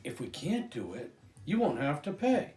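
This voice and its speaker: Confident working man read by a storyteller, animated. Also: a little high, normal speed, reverberant. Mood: assured, cheerful. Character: confident, eager steam shovel operator man.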